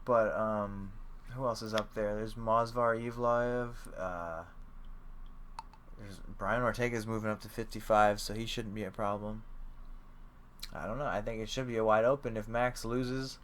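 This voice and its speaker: A man's voice: fairly low pitch, steady tone, unhurried, a bit bright, slight background noise. Casual young man rambling about fights. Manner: rambling, filler-heavy, swears casually. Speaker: podcast co-host. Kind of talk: casual sports chat.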